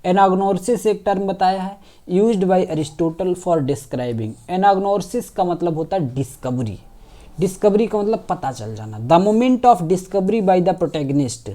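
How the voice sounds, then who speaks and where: A man teaching an exam-prep lesson, reading English questions slowly and explaining them in Hindi, often checking in with his listeners. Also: high voice, expressive, mellow. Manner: frequent "ठीक है" and "है ना" check-ins.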